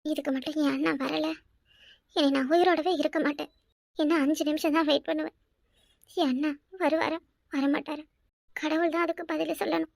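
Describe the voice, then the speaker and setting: Cartoon: woman voicing a young wife, Kanyakumari Tamil accent, very high, gravelly, earnest. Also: little pitch movement, fairly quick, pauses often, no room sound, studio quality. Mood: imploring. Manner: earnest, imploring.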